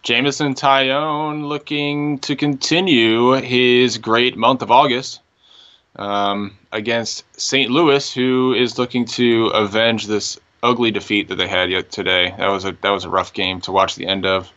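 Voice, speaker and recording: A man co-hosting a casual fantasy baseball podcast, talking through picks in a relaxed way, thinking aloud with fillers. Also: medium pitch, measured pace. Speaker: fantasy baseball analyst co-host. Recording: dull lo-fi audio.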